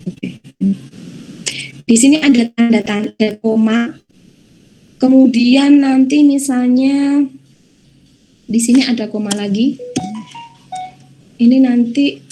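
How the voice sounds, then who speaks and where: Woman teacher, online class, patient step-by-step explaining, higher pitch, warm tone, faint hiss. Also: poor audio. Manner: patient, explaining step by step with many "nah" fillers. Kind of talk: online class lesson with screen share.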